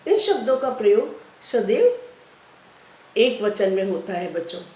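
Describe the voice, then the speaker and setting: A woman's voice: medium pitch, sing-song, a little slow, darkish tone, reverberant. A woman schoolteacher giving a patient grammar lesson to children, repeating rules and examples. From India. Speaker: school teacher.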